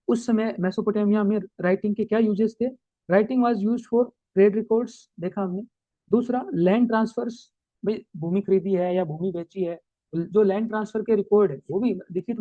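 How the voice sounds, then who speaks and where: A man giving a history lesson as a teacher, explaining in Hindi mixed with English terms and reading English points slowly. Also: high voice, no room sound, phone-quality sound. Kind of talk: recorded class lecture.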